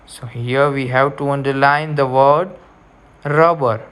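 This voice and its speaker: Slow, deliberate male teacher. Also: mid-range voice, steady tone, a bit bright, smooth. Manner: slow, deliberate dictation with repeated instructions. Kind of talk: slow classroom reading lesson.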